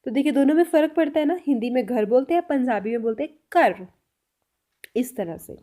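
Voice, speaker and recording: A woman teaching a spoken language lesson, saying each example sentence slowly and repeating it. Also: high-pitched, mellow.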